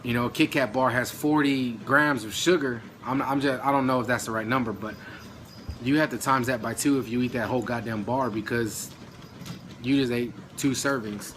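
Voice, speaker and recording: A man's voice: medium pitch, steady tone, moderate pace, fairly bright tone, slight background noise. A man vlogging about diet in a loose, rambling way, full of fillers and mild swearing, a little out of breath. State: out of breath, dry throat. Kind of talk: casual rambling talk to camera.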